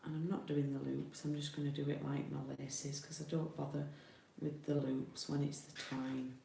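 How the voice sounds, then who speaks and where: Warm and gravelly, this low female voice keeps a flat delivery at normal speed. The speaker, a card-making demonstrator from Yorkshire, England, hosts a relaxed live craft tutorial, talking informally and thinking out loud. Audio from her indoor room with a window is roomy and distant, with faint noise and clicks.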